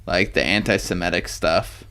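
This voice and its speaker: A man's voice: sits low, fairly even intonation, normal speed, sharp tone. A young man co-hosting a podcast, chatting casually with crude, teasing jokes. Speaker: podcast co-host. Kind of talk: casual chat.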